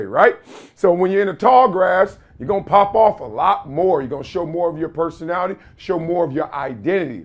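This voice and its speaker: Man, podcast host, high-pitched, very animated intonation, casual opinion monologue, slangy, emphatic storyteller.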